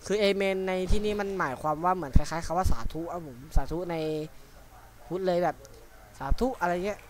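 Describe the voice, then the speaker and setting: A man doing let's play commentary on a horror game, jumpy and excitable, swearing often. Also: high voice, fast. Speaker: gamer.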